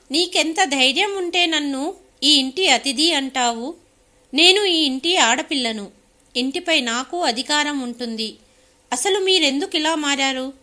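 A woman's voice: high-pitched, sharp tone, exaggerated voice. A woman voicing an angry grown daughter who scolds her family in a story reading. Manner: indignant, scolding.

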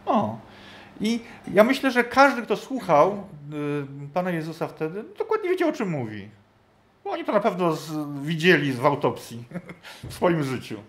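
A man's voice: a little high, big pitch swings, normal speed, fairly bright tone. A man teaching a Bible study group in a conversational way, thinking aloud and often checking in with his listeners.

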